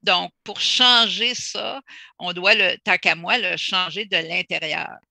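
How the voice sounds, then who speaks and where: A woman takes part in a panel discussion over a video call. She speaks slowly and deliberately, stopping to find her words. Her voice is very bright and gravelly, and the sound is dry and close. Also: on the low side, dry recording. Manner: measured, thoughtful, pauses to search for words.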